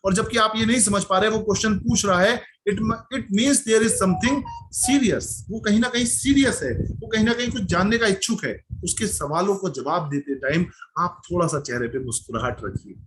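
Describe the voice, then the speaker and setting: A man leads a sales skills training session in a steady coaching manner. His voice sits a little high, and he slips English phrases in while checking in with "right?". A faint hiss runs under the recording. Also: moderate pace, low-quality recording. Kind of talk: training presentation.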